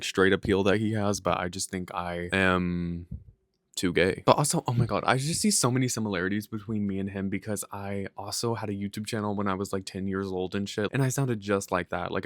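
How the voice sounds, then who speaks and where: A man's voice: sits low, no room sound, clean studio sound. A young man in his twenties chatting to camera in a sassy, joking, profane way. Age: young adult. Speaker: vlogger. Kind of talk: casual chat to camera.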